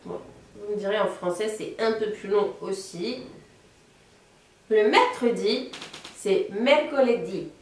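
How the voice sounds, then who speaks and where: A woman teaching a beginner Italian lesson, patiently repeating each word slowly. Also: mid-range voice, slight background noise. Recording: roomy echo, voice a bit off-mic, faint ambience.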